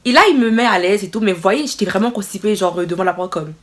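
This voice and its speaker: A young woman telling a casual storytime to her viewers, expressive and exclaiming as she retells the scene. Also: medium pitch, fast. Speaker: vlogger.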